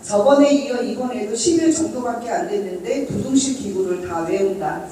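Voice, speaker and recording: A woman's voice: medium pitch, brisk, warm tone, heavy reverb, distant mic, slight background noise, rough recording. A middle-aged woman reading from her parenting diary and chatting with an audience, asking them questions. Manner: reads diary entries aloud, then chats with listeners, asking them questions. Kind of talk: storytelling talk to an audience.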